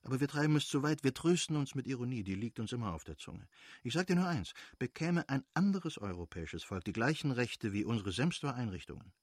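A man reading the part of a confident older brother who lectures in a brisk, assured way. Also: medium pitch, big pitch swings, darkish tone, no echo, studio quality, voice pushed up. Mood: lecturing.

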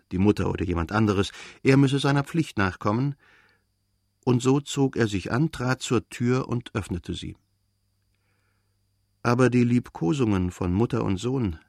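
A man narrating a literary novel as an audiobook reader, in a measured, calm reading. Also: lowish voice, no room sound, clean studio sound.

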